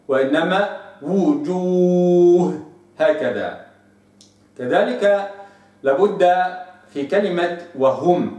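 A man teaching Quran recitation rules, slowly sounding out each example word. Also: on the high side, a little mellow. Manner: slow demonstrative pronunciation of examples. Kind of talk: tajweed lesson with recited examples. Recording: very echoey room, mic at a distance.

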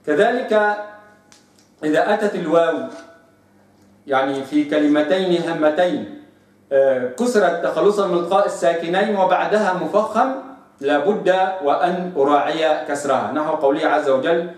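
A man with a slightly high voice teaches tajweed, the rules of Quran recitation, pronouncing each example word slowly and deliberately. The room is very echoey and the microphone is placed at a distance.

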